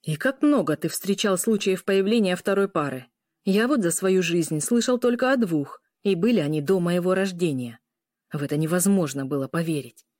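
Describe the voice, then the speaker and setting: A woman voicing a brooding, possessive male werewolf in an audiobook, low and insistent. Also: lively intonation, normal speed, darkish tone, no echo, studio quality, close to an everyday voice.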